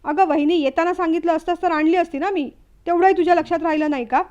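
A woman's voice: sits high, brisk, darkish tone, lightly acted. Spoiled younger brother, sneering and demanding, voiced by a woman; lo-fi. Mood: irritated. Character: hot-tempered young man, spoiled younger son.

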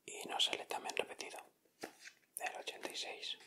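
Whispering softly at an indoor table, an ASMR creator narrates each item in turn. His delivery stays calm, unhurried, and deliberate throughout.

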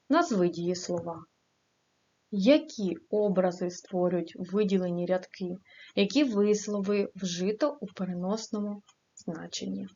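A woman teacher reading poems and school exercises aloud, slowly and with careful recitation. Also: mid-range voice, a little mellow, dull audio.

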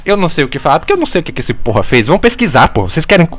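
A man playing a mock teacher in a parody online lecture, deadpan and mock-serious, swearing casually while talking over slides. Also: on the high side, rapid-fire.

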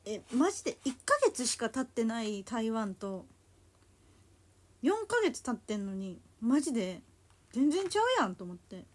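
A woman's voice: fairly high pitch, sing-song, moderate pace. A woman in her twenties from Japan, chatting casually to viewers on a livestream and teasing them in a playfully pouty way. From Toyama, Japan. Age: 20s. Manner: chatty and playfully pouty, calls herself by a nickname. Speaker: idol livestreamer.

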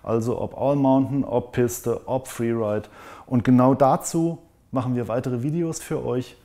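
A man in his forties calmly and methodically explaining ski design in a workshop tutorial. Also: mid-range voice, a little slow. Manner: calm, methodical, demonstrates with hands. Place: indoor wood workshop.

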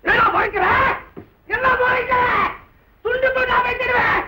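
High sing-song bully husband, taunting, hissy old film track. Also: male voice, sing-song, fairly quick. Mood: shouting. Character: mocking bullying husband, loud and shrill. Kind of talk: classic film dialogue.

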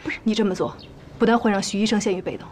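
An actress playing a stern team leader in a war drama, giving brisk orders. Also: female voice, medium pitch, darkish tone, slight background noise, natural voice. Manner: brisk, commanding.

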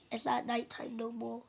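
A woman's voice: on the high side, vocal fry, breathy edge. A tired woman casually commenting on a video game as she plays, often dropping into a mumbled whisper after staying up all night. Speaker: gameplay vlogger.

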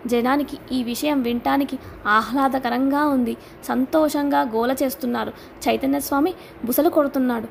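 A woman narrating a literary novel as an audiobook, in a steady storytelling manner. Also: high voice, normal speed, creaky, a little hiss or hum.

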